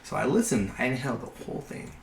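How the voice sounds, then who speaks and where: A young man spins a long, rambling story, swearing freely and stacking fillers as he goes. His voice is mid-pitched and sits in an echoey room, with a faint hiss of noise underneath. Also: quick pace, creaky. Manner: rambling, profane, animated. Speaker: podcast guest. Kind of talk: casual storytelling.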